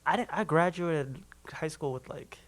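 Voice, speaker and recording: A young man from Minnesota, a musician guest chatting casually in an interview, loose and relaxed with frequent restarts. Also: a little high, moderate pace. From Minnesota, USA.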